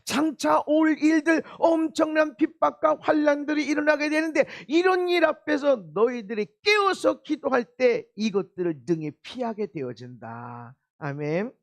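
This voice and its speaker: High-voiced gravelly male pastor preaching. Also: lively intonation, normal speed, hardly any pauses. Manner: shifts between preaching and shouted impersonations of complaining people. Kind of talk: sermon. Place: church sanctuary.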